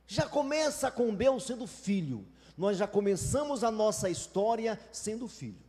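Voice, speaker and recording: A man's voice: sits high, expressive, moderate pace, dark tone, in a large hall. A Brazilian man preaching a sermon as a pastor, emphatic, sometimes acting out whiny complaining churchgoers. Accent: Brazilian Portuguese.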